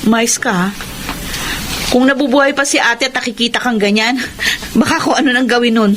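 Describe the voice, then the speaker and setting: An actress playing a stern, exasperated aunt in a radio drama, nagging and scolding. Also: female voice, fairly high pitch, a little fast, fairly bright tone, natural voice. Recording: slightly noisy radio drama track.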